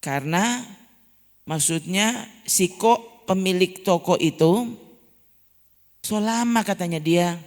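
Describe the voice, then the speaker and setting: Woman pastor, Manado accent, sermon storytelling, sudden high loud bursts, long church reverb. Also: takes it slowly, long pauses. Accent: Manado Malay. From North Sulawesi, Indonesia. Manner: lively storytelling with sudden rises in pitch and loudness. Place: church hall.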